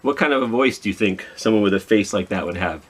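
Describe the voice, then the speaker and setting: A man with a lowish voice talks fast while hosting a children's library storytime. He reads aloud, chatting to himself in asides and asking his listeners questions.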